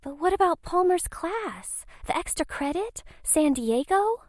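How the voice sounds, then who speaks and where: A worried teenage girl talks in a raised, lively voice that swings up and down as she frets about a curse. The sound is close and dry, with no room around it, as a male narrator puts her on. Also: very high-pitched, unhurried, no echo, voice pushed up, exaggerated voice. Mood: anxious. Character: anxious teenage girls, high school friends.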